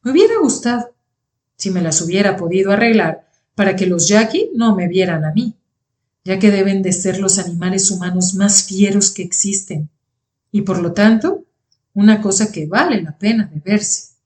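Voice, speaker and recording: A woman narrating a first-person novel as an audiobook reader, in a measured, calm storytelling manner. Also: medium pitch. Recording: roomy echoey recording.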